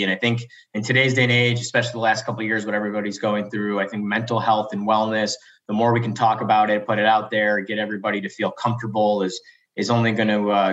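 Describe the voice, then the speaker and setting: A man's voice: lowish voice, a bit bright. A male interview host who rambles a little, restarting phrases as he steers the talk. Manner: rambling, with frequent fillers and restarts. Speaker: podcast host. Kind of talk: conversational interview. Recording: dull lo-fi sound.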